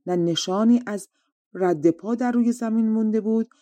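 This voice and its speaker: A woman narrating a folk tale audiobook in an even, conversational reading style. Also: a little high, dry recording. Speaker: audiobook reader. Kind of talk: storybook narration.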